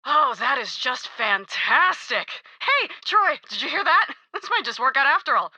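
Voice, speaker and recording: A woman's voice: high-pitched, big pitch swings, normal speed, bright, forceful tone, no room sound, muffled recording, full character voice. An actress playing a young cult queen in a video game, mocking, sing-song and sweetly menacing. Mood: delighted. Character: gleeful, cruel young woman cult queen. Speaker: cult leader God Queen.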